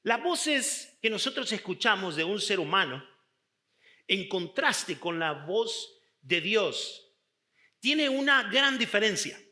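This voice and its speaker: High, bright-voiced preaching pastor. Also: male voice, very animated. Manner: emphatic, drawn-out preaching with sudden shifts in loudness. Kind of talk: sermon.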